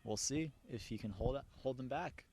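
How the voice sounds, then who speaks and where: A young man announcing baseball play by play, steady and plain in his calls. His voice is mid-range, with clear background noise from the field around him. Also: moderate pace. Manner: calls pitches and counts plainly. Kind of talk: play-by-play commentary.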